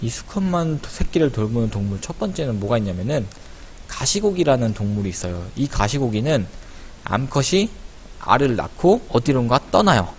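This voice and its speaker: A male teacher presents an online lesson, explaining things casually to schoolchildren and speaking to pupils directly. His mid-range voice is very animated at a normal speed. A clear hiss sits behind his voice.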